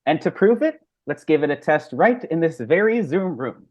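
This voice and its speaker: A woman on a video call giving a playful, crude mock commercial pitch for her team's product. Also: sing-song, moderate pace, a little mellow, lo-fi sound. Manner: playful, crude humor, salesy.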